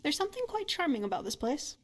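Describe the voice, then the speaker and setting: Her high voice goes sing-song at a quick pace as the actress voices a fantasy-game companion, a young adventurer and hunter who is bold but weighed down by guilt. She speaks naturally in a casual, coaxing mood, with music under the voice.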